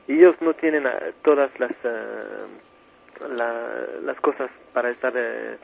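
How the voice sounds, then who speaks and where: A man being interviewed as an aid mission administrator, speaking haltingly with many fillers and restarts. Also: medium pitch, vocal fry. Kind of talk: phone interview. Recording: tinny phone line with faint hiss.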